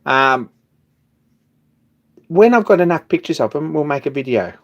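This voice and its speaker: A man's voice: fairly high pitch, very animated, moderate pace. A man, hosting a hobby machine shop live stream and chatting casually, rambling with restarts and chuckling now and then.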